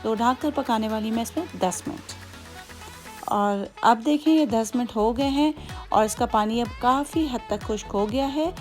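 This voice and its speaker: A woman's voice: on the high side, normal speed, darkish tone, soft background music. A woman with a Hyderabadi accent hosting a home cooking tutorial, chatty and patient as she explains each step with many asides. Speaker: cooking channel host.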